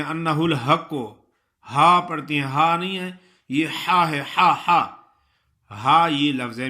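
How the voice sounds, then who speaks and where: Bright-voiced man teaching Quran recitation. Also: fairly high pitch. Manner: explains slowly, then recites verses in a drawn-out melodic chant. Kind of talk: tajweed lesson with chanted recitation.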